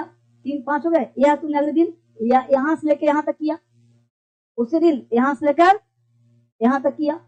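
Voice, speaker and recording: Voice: sits high, a little mellow. A teacher giving a classroom-style lesson who keeps repeating points and asks and answers their own questions. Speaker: English teacher. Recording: dull lo-fi recording.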